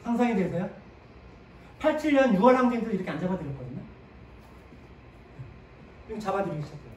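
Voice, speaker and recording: A man's voice: sits high, lively intonation, quick pace, darkish tone. A man giving a history lecture to a class, posing questions and answering them himself, with short affirming asides between points. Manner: sprinkles short "네" affirmations while explaining. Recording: echoey room, mic at a distance, faint ambient noise.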